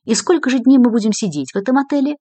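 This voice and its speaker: A woman's voice: fairly high pitch, expressive, fast talker, mellow, no echo, voice pushed up. A woman reading the lines of an indignant male journalist who complains querulously. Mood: complaining.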